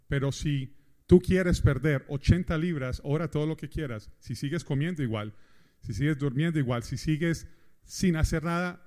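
A man from Colombia preaching to a congregation, speaking straight to them. His voice sits fairly high, and his delivery is lively and animated. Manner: animated, addresses the congregation directly. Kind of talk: sermon.

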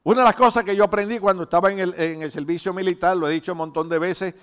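Middle-aged male pastor, slightly raised pitch; folksy sermon, rambling anecdotes, rhetorical asides. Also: quick pace, clear, resonant tone. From Puerto Rico. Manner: animated, rambling storytelling with rhetorical questions. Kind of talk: conversational sermon.

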